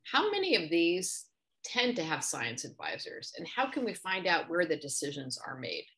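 Low-voiced woman moderating a webinar. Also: very animated, fairly bright tone. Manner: measured, reads out audience questions. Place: home office. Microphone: video call.

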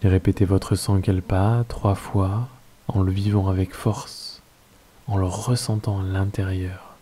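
A man with a French accent guiding a yoga nidra meditation, giving slow, calm, soft-spoken instructions. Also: low-pitched, breathy edge. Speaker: meditation guide.

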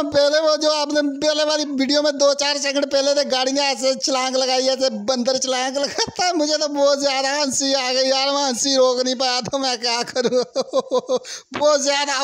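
A young man with a Pakistani Urdu accent giving chatty, excitable commentary over a car stunt game, often calling out to his viewers. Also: very high voice. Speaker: gaming channel host. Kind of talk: casual gameplay commentary.

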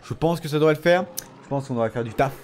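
A man giving animated gameplay commentary, teasing and self-mocking, often laughing and bursting into excited shouts. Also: a little high, quick pace, a little hiss or hum. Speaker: gamer commenting his own matches.

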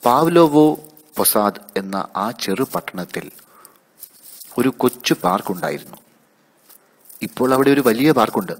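A man narrating a children's story in a measured, calm reading voice. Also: medium pitch, creaky.

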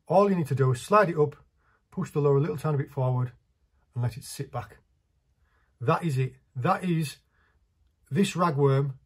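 A man's voice: mid-range voice, darkish tone, slightly rough. A man, casually talking through a hands-on fishing tutorial while he works, in a small indoor workshop. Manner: chatty, practical, talks while working with his hands.

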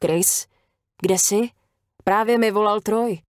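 A woman voicing a protective male small-town sheriff's deputy who talks calmly and firmly. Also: mid-range voice, dry recording, studio quality, lightly acted. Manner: calm, firm, slow.

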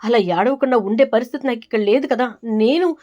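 A woman's voice: fairly high pitch, fast talker, darkish tone, lo-fi sound, close to an everyday voice. Tearful apologetic young wife, read by a woman.

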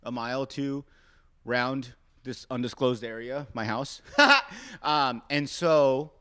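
A man's voice: mid-range voice, fairly even intonation, slow, fairly bright tone, clear, resonant tone. A man from Arizona hosting a solo podcast, rambling through self-mocking rants aimed straight at his listeners. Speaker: podcast host. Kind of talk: casual solo podcast rant.

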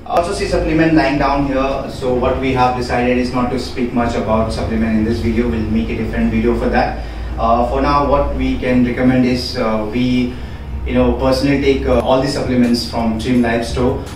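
A man's voice: medium pitch, level tone, moderate pace, noisy background. A man, a fitness trainer walking through home gym equipment in a casual, explanatory way, recorded in a small room. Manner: explanatory, repeats "we do have". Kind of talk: equipment walkthrough. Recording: echoey room, distant from mic.

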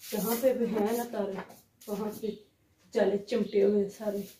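A woman, a mother quietly narrating her housework at home in a casual vlog. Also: steady tone, measured pace, background noise. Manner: soft, low-key running commentary on chores. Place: home indoors.

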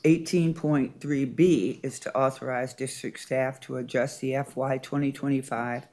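A man presiding as board president handles formal meeting procedure, reading agenda items and calling for motions and votes. His mid-range, darkish voice moves at a moderate pace with fairly even intonation.

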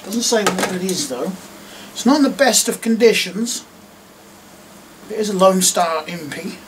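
A man's voice: high voice, lively intonation, unhurried, noisy background. A middle-aged English man rambling casually as he sorts a box of toy cars at his desk, with self-mocking asides. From England. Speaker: diecast collector vlogger. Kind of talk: casual narration while sorting toys. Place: at a desk indoors. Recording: distant mic with clicks and clatter.

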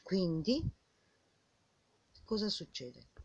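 An old woman speaks in a rough, husky voice with very animated pitch. She scolds the listener in an informal, indignant monologue, piling up questions and repeating herself. The sound is slightly dull and lo-fi. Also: drawn-out words, no room sound. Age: older. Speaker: vlogger. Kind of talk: impassioned informal monologue addressed to the viewer.

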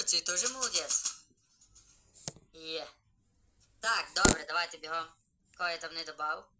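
A man live-streaming a game, chatty and excited, greeting viewers as he plays. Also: a little high, poor audio.

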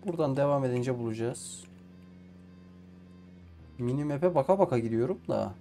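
Playing a survival game for his stream, a man keeps up casual let's play commentary, often swearing at the game in frustration and speaking both to himself and to the characters. His voice is mid-range, expressive and dark-toned, at a moderate pace, with soft background music.

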